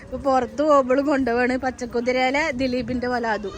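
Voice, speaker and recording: High-pitched woman vlogging in loud wind. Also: steady tone, fast. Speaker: family vlogger. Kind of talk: casual chat to camera on an outing. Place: outdoors in wind, on outings. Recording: very noisy windy outdoor recording.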